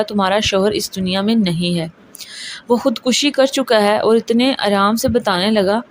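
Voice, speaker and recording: A woman's voice: mid-range voice, a little hiss or hum. A woman reading out a sad, first-person story as narrator, voicing the other people's lines in her own plain voice.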